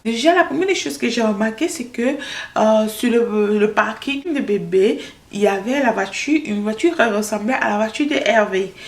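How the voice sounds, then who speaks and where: A woman tells her own story in a relaxed vlog, bringing the conversations to life as she retells them. Her voice sits a little high and has a gravelly edge. The room is echoey. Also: moderate pace. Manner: animated, quotes dialogue with rising pitch. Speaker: storytelling vlogger. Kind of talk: casual personal storytelling.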